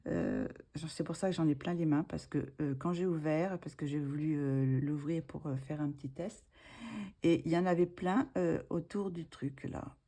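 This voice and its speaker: A woman's voice: deep voice, fairly even intonation, normal speed, warm tone. A woman talking casually through her art supply purchases, hesitant and full of fillers and restarts. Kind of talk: casual haul video.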